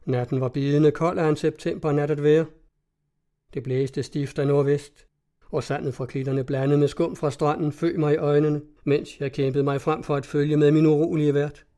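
A man narrating a classic story in a measured storytelling manner. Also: fairly high pitch, level tone, mellow. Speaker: audiobook narrator. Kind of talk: scripted narration of a classic tale.

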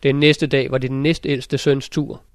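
Male narrator for a fairy-tale audiobook: mid-pitched, steady, very level intonation. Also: no room sound, clean studio sound. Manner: steady, measured storytelling. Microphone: close studio mic.

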